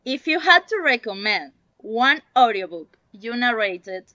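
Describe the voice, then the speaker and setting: A woman's voice: a little high, very animated, measured pace, pushed and bright, no echo, highs cut off. A woman from Venezuela, a Spanish speaker, hosting an interview in English, eager and effusive with frequent laughter. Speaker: podcast host. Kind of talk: casual interview chat.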